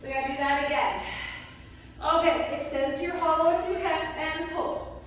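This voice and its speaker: A woman's voice: high-pitched, steady tone, moderate pace. A woman fitness instructor coaching a workout in short clipped cues and countdowns, encouraging and puffing with exertion as she exercises along. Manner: encouraging, working out along with viewers. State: exerting, puffing between sets. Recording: echoey hall, distant microphone.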